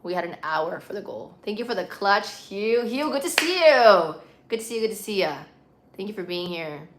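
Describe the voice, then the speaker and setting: A woman's voice: on the low side, brisk, slight background noise. A woman with a Puerto Rican accent hosting a casual live stream, chatting with viewers in an informal, slangy, playful way. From Puerto Rico. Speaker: livestream host.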